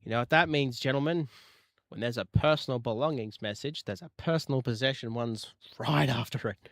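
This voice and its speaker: A man's voice: mid-range voice, a little fast, gravelly, no room sound. A man chatting in a casual, jokey way on a livestream while he edits audio on his computer. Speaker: streamer editing rail audio.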